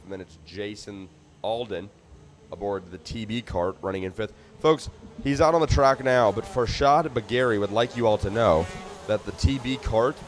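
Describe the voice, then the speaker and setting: A man's voice: fairly low pitch, a little hiss or hum. Man joking through live kart commentary. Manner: joking, chatty, rambling asides. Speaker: race commentator.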